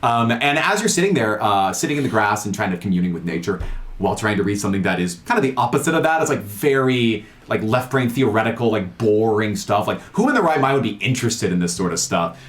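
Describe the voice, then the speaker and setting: Animated male game master. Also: lowish voice, quick pace. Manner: animated, chatty, frequent restarts. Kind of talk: narrating a tabletop game. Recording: echoey room.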